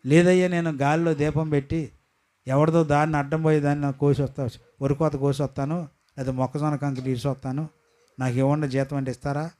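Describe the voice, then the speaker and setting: A male pastor, preaching a sermon to a church gathering, calling out emphatically to the listeners and swinging between loud and hushed delivery. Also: a little high, level tone, brisk.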